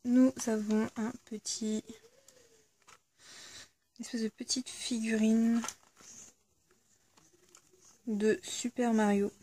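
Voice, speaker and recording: A woman's voice: a little high, mellow, a little hiss or hum. A woman chatting casually through an unboxing video, hesitant, with lots of fillers and self-corrections. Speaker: YouTuber reviewing a subscription box.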